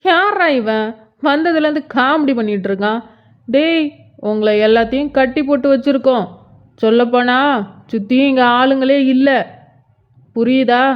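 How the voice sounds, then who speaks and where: A woman voices a masked robber in a cartoon who mocks his captives. The voice is a little high and sneering, and the recording is dull and lo-fi. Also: close to an everyday voice. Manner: sneering, taunting. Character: masked robber, mocking and cruel. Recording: dull lo-fi sound.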